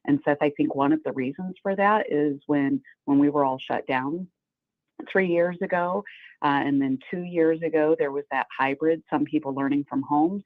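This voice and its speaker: A woman's voice: deep voice, dry recording. American woman on a tinny phone line. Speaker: school superintendent, interview guest. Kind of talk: conversational phone interview. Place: on the phone to a radio show.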